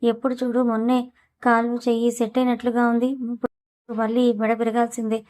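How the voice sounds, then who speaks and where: A man's voice: extremely high pitch, completely flat delivery, fast, a little mellow. A woman voicing a blunt young man lecturing his friend. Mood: scolding.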